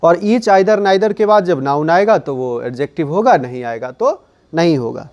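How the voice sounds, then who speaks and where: A man teaching English grammar in a classroom lesson, slowly explaining, repeating key words and asking and answering his own questions. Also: on the high side, animated, darkish tone, highs cut off. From India.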